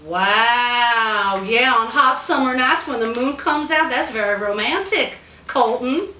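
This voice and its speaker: A woman's voice: fairly high pitch, slow pace, bright, forceful tone, far from the mic, a little hiss or hum. A woman voicing a bubbly female duck who interviews people in a gushing, sing-song, overly sweet manner. Her voice is recorded off-mic with roomy echo. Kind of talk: children's puppet interview.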